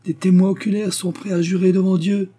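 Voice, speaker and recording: A woman's voice: lowish voice, level tone, a little fast, dark tone, pitched above the performer's own voice, close to an everyday voice. A male narrator voicing an eager, self-important pastor's wife who relishes spreading bad news, in a storybook reading. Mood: eager gossip. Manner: eager, self-satisfied gossip.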